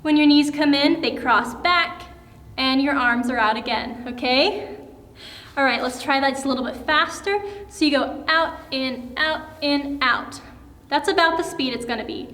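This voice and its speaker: In a big, echoey room with long reverb, a dance teacher runs a children's class at a moderate pace. She is young, with a high, bright voice, and stays upbeat and encouraging as she counts and demonstrates the steps.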